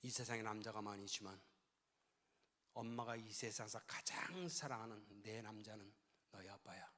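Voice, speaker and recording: A man voicing a calm, firm, loving mother in slow, measured, quiet insistence. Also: fairly low pitch, voice pushed down. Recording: long church-hall reverb.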